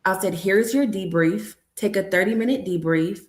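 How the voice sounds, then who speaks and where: A woman's voice: medium pitch, normal speed. A woman in her thirties, a nurse educator and mother, speaking candidly as an interview guest and telling stories with quoted dialogue. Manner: candid, storytelling, acts out dialogue with her daughter. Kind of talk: conversational interview. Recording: echoey room.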